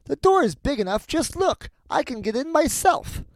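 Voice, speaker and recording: A man voicing a very old, sly and bossy wicked witch for a storybook, with slow, drawn-out words. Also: very high-pitched, very animated, dry recording, voice pushed up, heavily acted. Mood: scolding, coaxing. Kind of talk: storybook fairy tale character voice.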